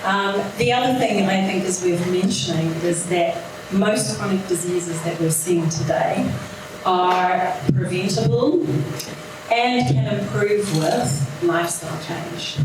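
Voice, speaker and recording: A woman's voice: mid-range voice, takes it slowly. Earnest middle-aged woman in an echoey hall. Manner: earnest, emphatic, repeats key points. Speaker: health coach pitching her business. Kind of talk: business pitch presentation. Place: event room. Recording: echoey room, mic far off, noisy.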